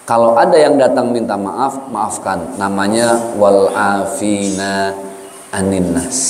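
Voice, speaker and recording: A male preacher giving a lively, humorous sermon full of stories. He keeps speaking directly to the congregation in a large hall. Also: on the low side, slight background noise. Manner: humorous, storytelling, often addresses the audience directly. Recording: echoey hall reverb.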